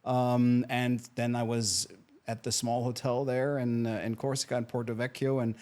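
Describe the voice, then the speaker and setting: A middle-aged man from Germany chats as an interview guest. He talks at a middling pitch and often stops to restart his sentences, filling gaps with "uh" and "um". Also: level tone, moderate pace, darkish tone. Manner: chatty, frequent fillers and restarts. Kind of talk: casual interview.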